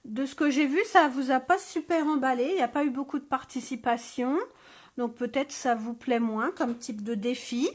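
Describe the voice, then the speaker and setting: A woman's voice: sits high, moderate pace. A woman hosting a scrapbooking live stream, chatting casually with viewers with many hesitations and fillers, speaking French. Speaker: scrapbooking channel host. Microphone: phone.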